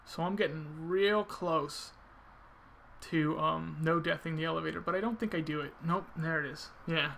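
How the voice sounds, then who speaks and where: A man's voice: a little high, normal speed, vocal fry, a bit bright, slight background noise. A man giving casual video game commentary, thinking aloud informally as he explains his technique.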